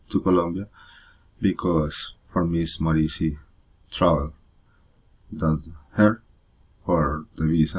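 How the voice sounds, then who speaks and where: A man from Rica, giving a halting personal presentation in learner's English, full of pauses and uh fillers. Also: very deep voice, a little mellow, breathy edge. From Costa Rica. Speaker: presenter of a personal photo story.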